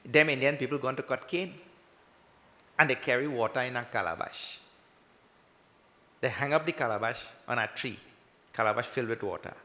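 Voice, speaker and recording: A man's voice: mid-range voice, normal speed, pauses often, bright, forceful tone. A man giving a scripture discourse as a swami, emphatic, repeating points and posing questions that he answers himself. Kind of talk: sermon with question-and-answer teaching. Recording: echoey hall with long reverb, faint music.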